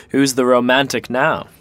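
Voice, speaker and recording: An actor playing a blunt, sarcastic young prince who talks in slang and swears freely. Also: male voice, mid-range voice, little pitch movement, slow, a bit bright, no room sound. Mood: teasing.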